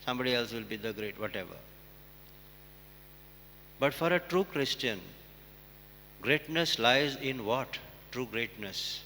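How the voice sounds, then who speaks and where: A man serving as priest, reading the gospel and preaching a homily in a slow, deliberate way, his voice ringing with a cathedral echo in a large church. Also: mid-range voice, expressive, bright, forceful tone, slight background noise. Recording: long church reverb.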